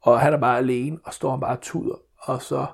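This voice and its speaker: A man's voice: mid-range voice, fairly even intonation, gravelly, slightly rough. A man tells a story from home life. He rambles and restarts often, with a mid-range voice. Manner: rambling with many restarts and fillers. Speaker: father telling a story. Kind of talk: casual storytelling chat.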